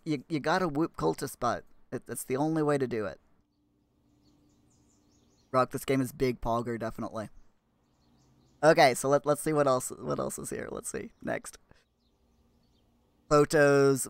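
A man talking through a live stream in loose, rambling commentary, often tripping over and restarting his words. His voice sits at an ordinary middle pitch. The sound is dry and close to the mic, with no room around it. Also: vocal fry, clean tone, dry recording.

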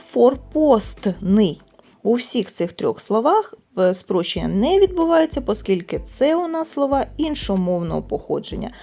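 A woman teacher walking through exam tasks, slowly stressing each example word as she explains. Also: on the high side, warm tone. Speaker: language teacher. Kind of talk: exam prep lesson.

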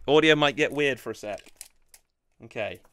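A man's voice: mid-range voice, moderate pace, fairly bright tone, smooth. A young man co-hosting a casual podcast chat, rambling with many fillers and restarts. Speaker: podcast co-host.

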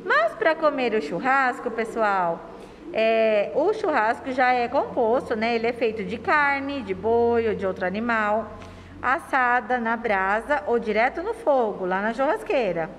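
A woman's voice: on the high side, animated, a bit bright, big-room sound, a little hiss or hum. Brazilian teacher woman with sing-song pacing. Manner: sing-song, stretches words and syllables slowly; affectionate, asks children questions. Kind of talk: remote lesson for young children.

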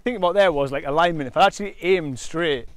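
Excitable man bantering on a golf course. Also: fairly high pitch, fast, no room sound. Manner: excitable, self-mocking, loud reactions. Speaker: golf channel host.

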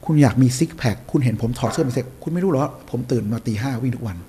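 A man's voice: medium pitch, very fast, mellow, a little hiss or hum. A man talking as a podcast guest, giving emphatic motivational advice and hammering home his points. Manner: emphatic, preachy, repeats key points. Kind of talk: motivational conversation.

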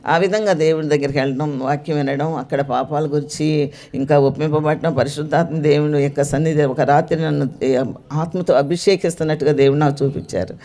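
A woman's voice: low voice, fairly even intonation, fairly quick, mellow. Middle-aged woman, church testimony; earnest storyteller who acts out quoted speech. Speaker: church member giving testimony. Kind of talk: personal faith testimony.

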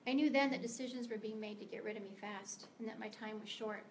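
A woman's voice: fairly high pitch, fairly even intonation, fast, a little mellow, a little hiss or hum. Earnest middle-aged American woman speaker. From United States. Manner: earnest, emphatic, sometimes stumbling. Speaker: guest speaker, author. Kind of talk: prepared speech to a meeting. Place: meeting room of a library.

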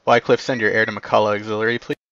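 A man commanding players in an online war game, giving clipped orders and quick corrections over voice chat. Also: on the low side, level tone, a bit bright, no room sound, lo-fi sound.

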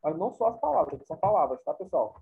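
A man gives a classroom lecture in a somewhat high, husky voice, repeating his points and checking in with the class. The recording is thin and phone-like. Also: big pitch swings, quick pace. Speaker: teacher.

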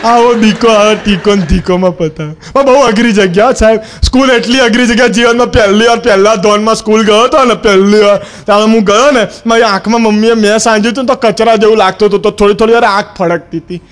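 A man's voice: sits high, fast talker, few pauses. A male stand-up comedian telling a comic monologue in character as a cheeky schoolboy, acting out the other people's lines as he goes.

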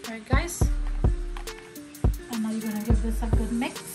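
A middle-aged woman with a Trinidadian accent, loudly walking viewers through a dish in her home kitchen. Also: on the high side, moderate pace. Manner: loud, lively, talks to viewers. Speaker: home cook and vlog host. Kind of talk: casual cooking demonstration. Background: loud music and frying.

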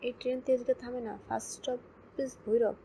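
A woman voicing a bossy young man who leads a group trip, barking and scolding in a gruff, loud manner. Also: a little high, fairly even intonation, brisk, a little hiss or hum.

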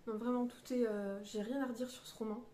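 A woman's voice: a little high, steady tone, fairly quick, dark tone, reverberant. A woman reviewing a novel in a casual book vlog, hesitant and searching for her words, with many fillers and restarts. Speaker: book vlogger. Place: on a beach.

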